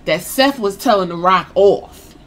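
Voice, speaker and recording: Excitable woman swearing through a recap. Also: medium pitch, measured pace, noisy background. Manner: excited, swears a lot, acts out quotes. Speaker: wrestling fan recapping a press conference. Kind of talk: casual profane storytelling recap.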